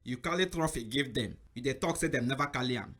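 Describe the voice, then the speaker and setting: A man's voice: medium pitch, fast, a bit bright, husky. A man with a Nigerian accent playing a mocking, nagging football critic in a comic skit. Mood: taunting. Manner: mocking, needling. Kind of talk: Nigerian Pidgin comedy skit acting.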